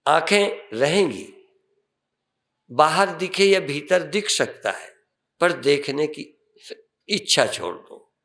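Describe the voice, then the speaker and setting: An older man, a swami, giving a sermon and guiding a meditation with calm instructions and rising emphatic phrases. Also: a little high, takes it slowly, pauses often.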